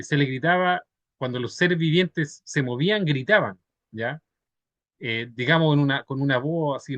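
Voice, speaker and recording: A man leads a Bible study, explaining scripture patiently and conversationally and checking in with his listeners as he goes. His voice sits a little high for a man and sounds close and dry, with no room echo. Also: a bit bright. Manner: ends phrases with checking tags, patient and conversational.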